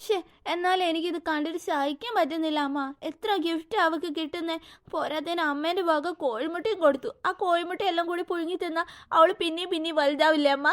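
A woman's voice: extremely high pitch, fast talker. A woman voicing a jealous, stubborn little girl in a cartoon who pleads and demands. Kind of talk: cartoon voice acting.

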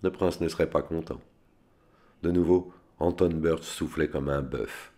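A man reads a spy novel aloud in a steady, unadorned way. His voice is extremely deep and low throughout. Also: unhurried. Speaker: reader.

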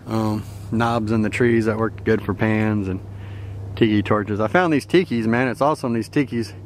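With a lowish, steady voice at a moderate pace, a young man casually rambles through a tour of his camp beside a river. He chuckles often. The recording comes from a handheld camera mic outdoors, and faint outdoor noise can be heard.

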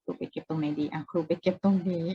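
A woman's voice: sits low, steady tone, quick pace, mellow, breathy edge, lo-fi sound. A woman teaching an English exam-prep lesson in a casual way, explaining step by step, repeating key words and asking the viewer questions.

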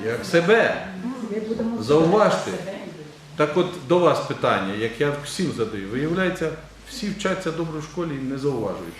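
A man's voice: a little high, big pitch swings, normal speed. A man, an Orthodox metropolitan, preaching a sermon in a large church and quizzing the congregation in a conversational way. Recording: very echoey church with faint ambient noise.

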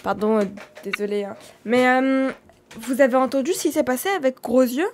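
A woman with a French accent, a streamer doing live game role-play, talking in an animated and dramatic way. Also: high-pitched. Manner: animated, dramatic, quick swings in loudness.

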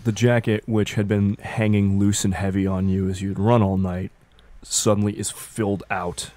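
A man runs a tabletop role-playing game, narrating scenes with deliberate, dramatic phrasing. His voice is low and dark, with a restrained melody. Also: level tone. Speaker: game master.

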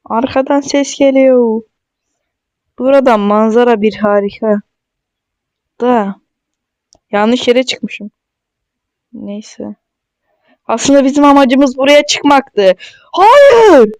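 A man giving casual, excitable gameplay commentary, joking and talking straight to his viewers. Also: very high voice, takes it slowly, pauses often, clean tone, no room sound. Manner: chatty and excitable, jokes and talks straight to viewers. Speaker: mobile gaming streamer.

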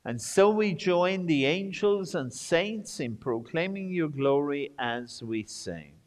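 A priest leading the prayers of Mass, intoning slowly and steadily as a cathedral echo trails after his words. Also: fairly high pitch, lively intonation, soft background music. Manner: slow, measured intoning. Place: large church. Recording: long church reverb.

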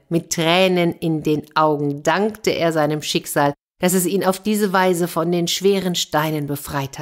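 A woman storyteller reads a fairy tale to children in a low, deep voice. Her delivery is calm and unhurried, with little asides to her listeners.

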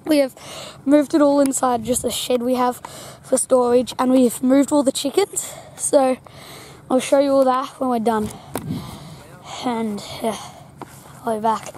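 A woman with a high voice talks slowly and loosely on a farm, filling gaps with casual fillers. She records herself on a handheld camera in the open air. The audio is noisy, with animals and a vehicle in the background. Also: fairly even intonation, darkish tone. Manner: chatty, loose, full of fillers. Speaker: farm vlogger. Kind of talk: casual vlog narration. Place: outdoors on a farm paddock. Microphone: handheld camera mic. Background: outdoor ambience, animals, vehicle.

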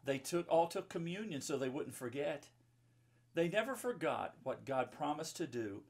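A man in his fifties, a pastor, leads what sounds like a children's Bible story time indoors among bookshelves, reading and explaining things in simple words. He speaks at a moderate pace with a slightly high, darkish voice and lively intonation.

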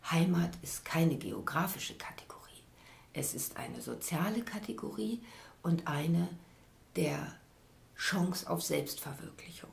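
Low-voiced woman giving academic commentary. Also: expressive, vocal fry, reverberant, whispered. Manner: measured, academic. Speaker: academic expert. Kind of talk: expert commentary.

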